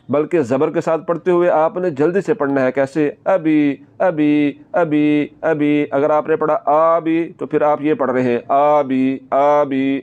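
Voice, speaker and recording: A man's voice: fairly high pitch, darkish tone, muffled recording. A male Quran teacher giving a patient, step-by-step recitation lesson, repeating each word several times and drawing out the long sounds.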